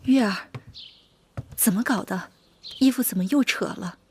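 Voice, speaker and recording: An actress playing a gentle, protective palace aunt in a period drama, speaking softly and soothingly. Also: female voice, mid-range voice, measured pace, a little hiss or hum, natural voice. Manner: soft, soothing, coaxing. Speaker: palace aunt caring for a young princess. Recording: drama score under dialogue. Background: background music.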